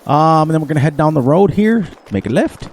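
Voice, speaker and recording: A fairly high, slightly mellow male voice comes across animated and a little fast, over a faint hiss or hum. The gaming channel host laughs often and jokes as he chats through a farming game, sniffling with a runny nose.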